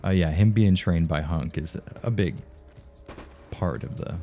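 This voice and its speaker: A man's voice: deep voice, unhurried, dark tone, slight background noise. A man streaming a game live, chatting casually with viewers, swearing, rambling and laughing often, tired from no sleep.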